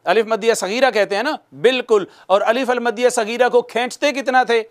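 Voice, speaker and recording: A man teaching a recitation class, patiently repeating sounds and asking questions that he answers himself. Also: extremely high pitch. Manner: patient, repeats sounds slowly for students to copy. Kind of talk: recitation lesson.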